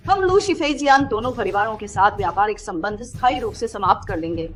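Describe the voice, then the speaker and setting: A woman's voice: medium pitch, animated, a little fast, lightly acted. A woman voicing a cold, authoritative businesswoman in a dubbed drama. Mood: stern.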